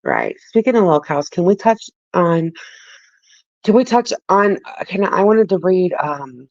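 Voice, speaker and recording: A woman co-hosting a livestream rambles through casual gossip, laughing a lot and swearing freely. Her voice is lowish, sing-song and a little slow, with a darkish tone and no echo, captured in dull, dry lo-fi stream audio.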